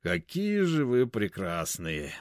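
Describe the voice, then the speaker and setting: A man's voice: mid-range voice, huge pitch swings, gravelly, no echo, studio quality, heavily acted. A man playing a young man pretending to be drunk, slurring and gushing. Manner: slurred, drawn-out.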